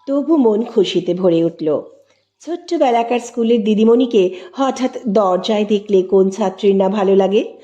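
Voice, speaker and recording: A woman narrating an audio story in an expressive, lively storytelling manner. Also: on the high side, muffled recording.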